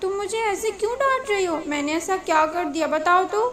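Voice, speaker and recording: A playful young man in love, pleading and teasing with a boyish manner, as a woman narrator puts him on. The voice sits very high. It is read like a storybook. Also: moderate pace, a crowd in the background. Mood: complaining.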